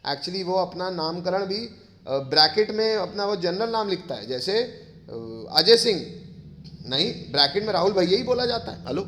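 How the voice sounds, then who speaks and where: A man's voice: sits high, animated, moderate pace, fairly bright tone. A man teaching a chemistry lecture, explaining step by step, calling his pupils kids and often checking whether they follow. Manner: addresses pupils affectionately as kids.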